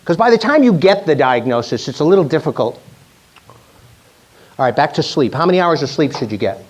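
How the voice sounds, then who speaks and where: A man's voice: on the high side, lively intonation, fairly quick. A man in his sixties, a chiropractor giving a joking, chatty talk to a live audience, often restarting his sentences. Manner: chatty, self-mocking, with many restarts.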